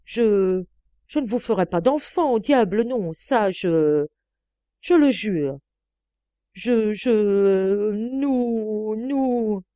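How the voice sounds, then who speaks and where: A woman voicing a lecherous, stammering older male employer who pleads with his maid, in a slow, unhurried read. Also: medium pitch, mellow, no echo, lo-fi sound, natural voice. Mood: stammering passion.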